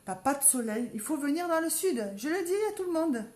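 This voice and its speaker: A woman's voice: sits high, animated, fairly quick, a little mellow. Chatty southern French woman in a roomy echo. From south of France. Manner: chatty, keeps calling out to viewers. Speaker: makeup live streamer. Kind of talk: casual live makeup tutorial. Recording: roomy echo, faint background ambience.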